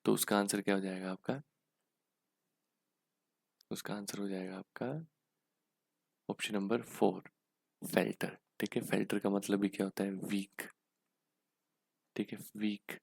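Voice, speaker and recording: A man's voice: on the low side, steady tone, measured pace, creaky, pauses often, darkish tone, no room sound. A man with an Indian accent teaching an exam-prep English lesson in Hindi, checking in with "theek hai" as he explains each answer. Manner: explains in Hindi with English terms, frequent "ठीक है".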